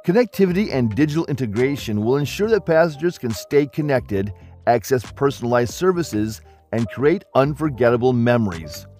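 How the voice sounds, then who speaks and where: A man delivers scripted documentary narration in a smooth, evenly paced promotional tone. His pitch rises and falls in a lively way across each sentence. Faint music plays beneath the voice-over. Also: normal speed.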